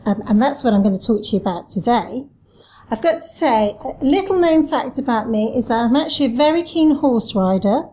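A Welsh woman in her forties, a communications director, answers interview questions in an office, chatty and full of self-deprecating humour. Her voice is fairly high, animated, a little fast and mellow.

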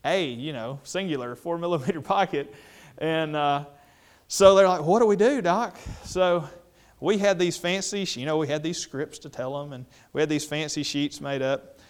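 A man's voice: a little high, moderate pace, smooth. Man telling a self-deprecating story. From Mississippi. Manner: self-deprecating, animated, mimics other voices in quotes. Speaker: dentist speaking to dental professionals. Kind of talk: humorous storytelling talk to an audience.

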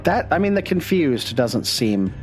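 A man's voice: on the high side, sing-song, measured pace, faint music behind. A man running a tabletop game as game master, narrating scenes and bantering playfully with the players.

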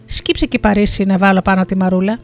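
A storyteller voicing a meek, helpful deer in a folktale, speaking softly and simply. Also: medium pitch, steady tone, lightly acted. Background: faint music.

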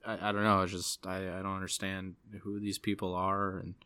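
Hesitant low-voiced man co-hosting. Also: completely flat delivery, fairly quick, pushed and bright, clear, resonant tone. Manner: hesitant, searching for words. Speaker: podcast co-host. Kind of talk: casual film review chat.

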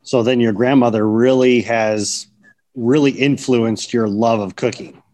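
A man's voice: medium pitch, fairly even intonation, measured pace, darkish tone. A man hosting a podcast, giving friendly, upbeat introductions and asking his guest questions. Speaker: podcast host. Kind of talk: podcast interview.

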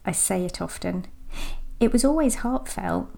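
Gentle woman with a gravelly voice. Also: mid-range voice, lively intonation. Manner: gentle, deliberate, with slow emphatic words. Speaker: podcast host and sobriety coach. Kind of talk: reflective podcast monologue.

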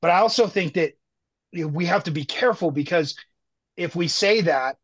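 An earnest, reflective man from the United States, speaking as a podcast guest in a measured way. His voice sits a little high. The audio is dry, with a muffled, lo-fi sound. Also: slightly rough, no room sound. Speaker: guest artist. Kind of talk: conversational podcast interview.

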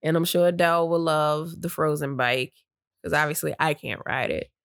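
Here a woman with a smooth, low-sitting voice co-hosts a laid-back podcast conversation at normal speed, the studio audio clean and echo-free. Stuffy-nosed, she tells a rambling story, breathing between sentences and restarting often. Her manner stays chatty while playing down any excitement.

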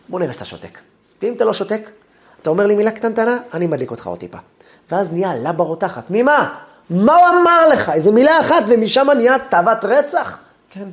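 A man, a rabbi, giving a Torah lesson who acts out angry inner voices and lets his phrase ends sink low and soft. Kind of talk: Torah lesson on the weekly portion.

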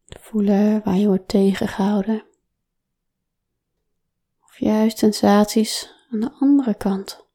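A woman talks softly and calmly, slipping into a whisper for much of the exercise. Her tone is very dark and mellow, and she unhurriedly leads listeners through gentle body-awareness instructions. Her words come at a very slow, measured pace. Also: mid-range voice. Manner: soft, calm, often whispering. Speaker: relaxation guide.

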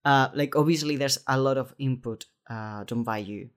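A man's voice: mid-range voice, moderate pace, smooth. A man hosting a casual interview, reflecting aloud with fillers as he thinks. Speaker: podcast host.

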